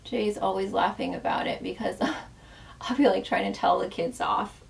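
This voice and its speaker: Her gravelly, mid-range voice moves at a normal speed and sounds recorded from a distance. A former makeup artist, she chats loosely through a makeup tutorial with plenty of fillers while losing her voice, which frequently cracks.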